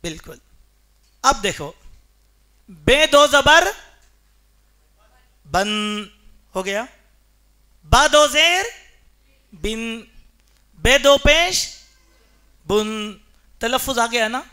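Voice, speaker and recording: A man's voice: extremely high pitch, animated, pauses often, bright, forceful tone. A man giving a Friday sermon in a mosque, speaking emphatically and quizzing the congregation with rhetorical questions. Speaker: preacher.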